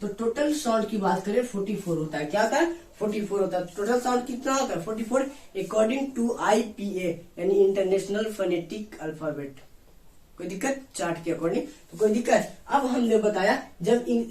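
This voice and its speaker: A man's voice: high voice, darkish tone. Man drilling a class, echoey and distant. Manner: repeats questions and answers them himself, call-and-response drilling. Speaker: English teacher. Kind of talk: spoken grammar lesson. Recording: echoey room, mic far off.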